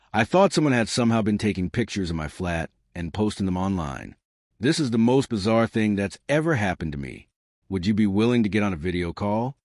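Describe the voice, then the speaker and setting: A man's voice: lowish voice, no room sound, studio quality. A man reading as a stunned young Englishwoman. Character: young British woman, stunned designer.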